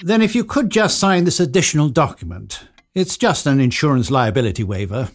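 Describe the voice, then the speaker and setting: An actor playing a formal, punctilious solicitor, precise and officious, in an audio drama. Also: male voice, medium pitch, sing-song, brisk. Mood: polite.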